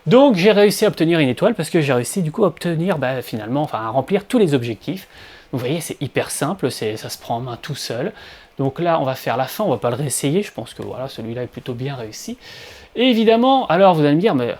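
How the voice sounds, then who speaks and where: A man's voice: on the high side, animated, fast. A man hosting a video game show, giving a playful, chatty gameplay commentary voice-over and talking straight to his viewers. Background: soft game music.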